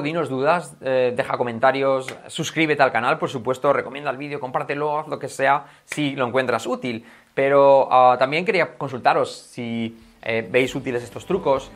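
Man drilling English pronunciation. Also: mid-range voice. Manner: drills phrases slowly, repeating them; switches between Spanish and English. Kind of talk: video lesson.

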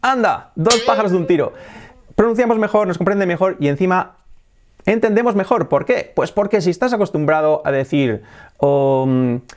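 A man from Spain with a Spanish accent, teaching English in a video lesson to camera, jokey and animated, imitating good and bad English pronunciation. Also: sits high, moderate pace. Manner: animated, jokey, often laughs at own examples; imitates mispronounced and native English for contrast.

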